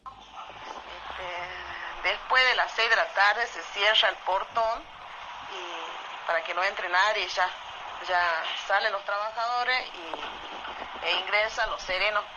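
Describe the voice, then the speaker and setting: A woman with an Argentine accent from Salta, telling a true story in a voice message in a lively way, often asking "¿viste?". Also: mid-range voice, takes it slowly. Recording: muffled voice message with loud noise.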